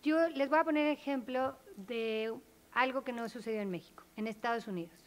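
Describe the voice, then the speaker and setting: Woman, somewhat high voice, panel discussion, earnest, explanatory, emphatic. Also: normal speed.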